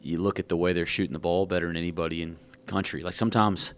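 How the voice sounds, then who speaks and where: A basketball coach, a man, answers questions at a press conference podium while still catching his breath. His voice sits low and stays fairly level in pitch. He talks frankly and rambles, with a self-joking touch. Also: little pitch movement, fast talker, a little hiss or hum.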